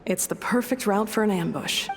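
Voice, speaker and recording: A woman acting as a resolute, forgiving young game heroine. She speaks in a mid-pitched, sincere and measured voice. A long reverb trails her words. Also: lightly acted. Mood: earnest. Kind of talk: fantasy video game acting. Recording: long reverb, faint rumbling noise.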